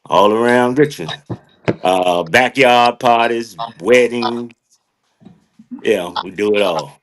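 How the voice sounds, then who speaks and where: A man's voice: mid-range voice, takes it slowly, a little hiss or hum. A man, a DJ introducing himself in a laid-back, informal way. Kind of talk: casual self-introduction.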